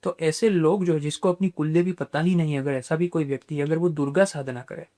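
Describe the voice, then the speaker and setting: As a podcast guest, a man calmly lays out ideas about spiritual practice, mixing in English terms. His voice is a bit high, steady, and mellow.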